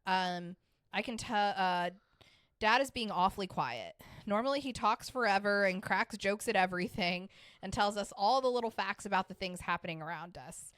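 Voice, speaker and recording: A woman in a middle-pitched voice reads a story aloud for a podcast, plain and steady, and drops in brief reactions between passages. The voice sounds dry and close to the mic. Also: moderate pace, no room sound. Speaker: podcast co-host. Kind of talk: reading a story aloud with asides.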